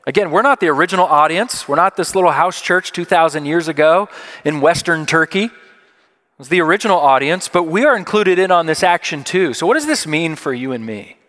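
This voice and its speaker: A man's voice: fairly high pitch, expressive, fairly quick, fairly bright tone. Man preaching in a reverberant church. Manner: conversational, emphatic, repeats key phrases. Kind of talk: sermon. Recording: long hall reverb.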